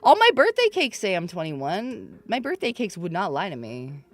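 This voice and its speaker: A woman in her thirties hosting a live stream in casual chat. She teases her viewers, laughs often, and breaks into loud mock protests. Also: fairly low pitch, huge pitch swings, moderate pace. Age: 30s. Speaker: streamer host.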